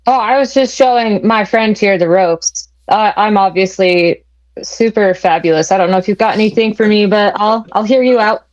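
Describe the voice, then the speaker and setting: A woman's voice: mid-range voice, moderate pace, darkish tone, highs cut off. A woman player in a casual tabletop game, joking and laughing.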